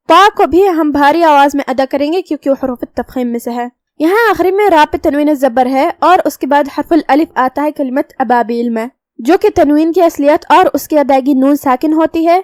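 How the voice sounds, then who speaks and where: Woman, recitation teacher, patient step-by-step explanations, high voice, dry close sound. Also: no echo. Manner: patient, explains each letter rule step by step. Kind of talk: tajweed lesson with slow recitation.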